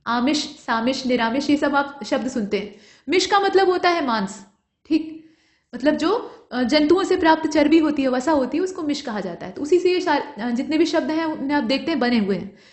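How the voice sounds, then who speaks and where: High-voiced woman teaching in an echoey room. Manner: patient, explanatory, asks the class rhetorical questions. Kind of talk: exam-prep grammar lesson.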